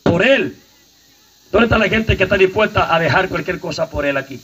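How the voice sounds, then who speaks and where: A man preaching a fiery outdoor sermon, exhorting the crowd and breaking into sudden shouts. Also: high voice, lively intonation, brisk, breathy edge. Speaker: evangelist preacher. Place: outdoor night vigil.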